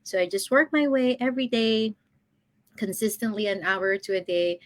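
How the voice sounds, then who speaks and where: With a mid-range voice and moderate pace, a thirtysomething online business coach guests on an interview show, casually recounting her own experience and laughing often as she goes. The recording has no echo.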